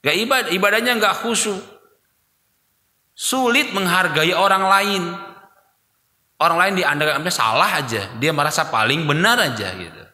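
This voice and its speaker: A man's voice: on the high side, animated, normal speed, pauses often, sharp tone. A man preaching a dawn mosque sermon, chatty, calling the listeners "Pak" and acting out sinners' excuses. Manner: conversational, addresses listeners as Pak, acts out sinners' lines. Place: mosque hall. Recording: echoey mosque hall.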